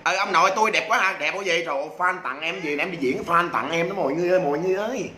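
Male livestream seller, quick high patter, playful and loud, echoey home room. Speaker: livestream host selling products. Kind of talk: rapid comic livestream patter. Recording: echoey room with faint noise.

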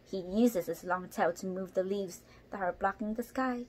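With a darkish tone at a medium pitch, a young adult woman reads a picture book aloud expressively at a moderate pace, tossing in asides for the children. She's in a small room at home, and the recording picks up a lot of noise.

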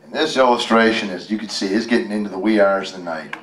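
At a public library reading event, a guest storyteller and tribute performer reads a picture book aloud, adding casual, folksy, ad-libbed asides to his listeners. His fairly low voice is fast and a bit bright. He uses a handheld mic, but the pickup is distant, roomy, and echoey.

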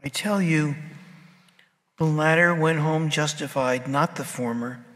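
A clergyman proclaiming the Gospel at Mass in a measured, solemn reading voice, heard in a cathedral echo. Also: on the high side, a bit bright. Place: large church. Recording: long church reverb.

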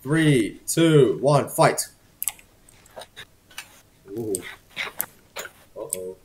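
A man's voice: mid-range voice, expressive, very slow, a little mellow. A young man hosting a casual game let's play with friends, chatty and laid-back. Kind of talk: casual gaming commentary. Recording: noisy mic with keyboard clicks.

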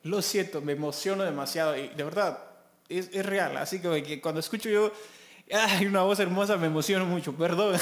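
A man reacting to music on his channel, gushing and excitable, often breaking into laughter as he comments. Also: high voice, brisk.

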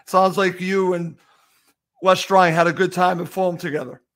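A man's voice: high voice, flat delivery, normal speed, a bit bright. A man hosting an interview, politely asking questions and reading out messages sent in for the guest. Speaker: podcast host, interviewer.

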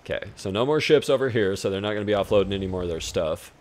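A man's voice: fairly low pitch, lively intonation, fast talker, darkish tone, a little hiss or hum. A young man giving casual, laid-back commentary on his own strategy gameplay, talking to himself as he plays. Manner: laid-back, talks to himself while playing. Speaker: gaming YouTuber.

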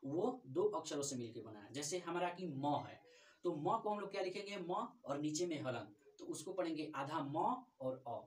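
A man's voice: on the high side, expressive, moderate pace. Man teaching grammar in an echoey room. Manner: asks questions then answers them himself. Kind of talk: grammar lesson. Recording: echoey room, distant mic.

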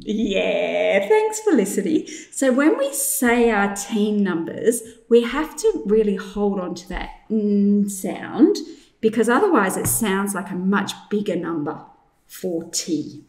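A woman teacher leading an instructional lesson for young children, enunciating clearly and guiding with simple questions. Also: medium pitch, very animated, a little slow, a little mellow. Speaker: teacher presenting a maths activity. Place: indoors in a room, demonstrating at a tabletop. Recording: echoey room.

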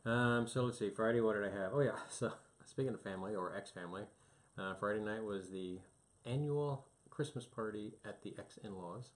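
A man's voice: lowish voice, brisk. Easygoing middle-aged male co-host. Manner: easygoing, reads shout-outs, laughs often. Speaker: podcast co-host. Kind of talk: casual chat.

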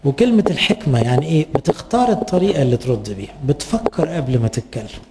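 A man's voice: fairly high pitch, animated, fast talker, very noisy. A man with an Egyptian Arabic accent, a priest giving an earnest, advising sermon to parents and asking rhetorical questions.

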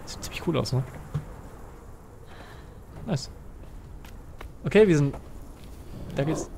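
A young man giving casual, excitable gameplay commentary, thinking aloud and swearing often. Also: a little high, gravelly, background noise. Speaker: let's player.

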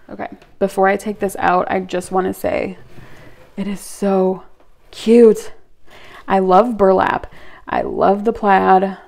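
Bubbly giggly woman unboxing stuff, lots of fry, mid pitch. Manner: gushing, giggly and excitable. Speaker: channel host. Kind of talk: casual unboxing chat.

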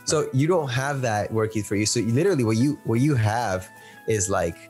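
A man's voice: mid-range voice, brisk, darkish tone. A young man from Peru raised in Miami, a music producer answering interview questions with enthusiasm, many fillers and restarts, on a video call with a studio mic. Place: small plain indoor room. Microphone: headphones and studio mic on video call.

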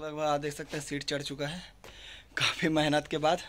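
A man's voice: fairly high pitch, little pitch movement, fairly quick, over music. A young man from West Bengal, chatting directly to viewers while filming himself on a phone held at arm's length in an outdoor backyard. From West Bengal, India. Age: young adult. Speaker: vlogger. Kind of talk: casual vlog narration.

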